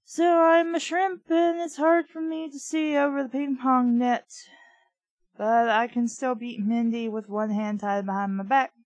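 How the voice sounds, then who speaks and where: The host's voice sits high and level, a little slow with a darkish tone, as she casually reads a children's book and adds snarky, rambling remarks. The sound is lo-fi with no room sound.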